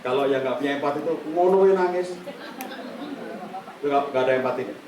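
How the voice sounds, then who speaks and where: A middle-aged man giving a live workshop on counseling to an audience. He talks in a lively way and acts out examples in quoted voices. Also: medium pitch, fast, a crowd in the background, background noise. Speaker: counseling trainer. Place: meeting room with a live audience. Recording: echoey room from far off, faint ambience.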